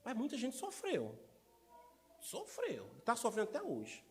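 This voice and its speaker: Male pastor, middle-aged, high-pitched, lively sermon delivery with constant rhetorical questions. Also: a little slow, breathy edge. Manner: animated, rhetorical questions to the congregation. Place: church.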